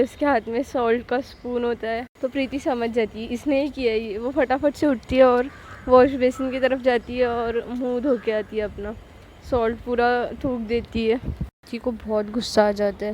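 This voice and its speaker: Lively young woman telling a story. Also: on the high side, normal speed, slight background noise. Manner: lively, expressive narration. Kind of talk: casual storytelling narration.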